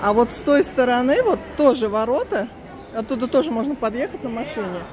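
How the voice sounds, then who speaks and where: Woman, higher-pitched voice, casual travel vlog chat, local guide. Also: lively intonation, a little fast, crowd noise. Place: busy open-air bazaar.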